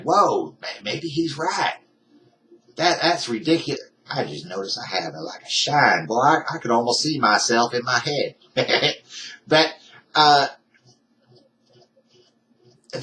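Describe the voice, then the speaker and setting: Bright-voiced indignant man. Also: mid-range voice, poor audio. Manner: heated, indignant, folksy. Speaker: YouTuber. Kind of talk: ranting vlog.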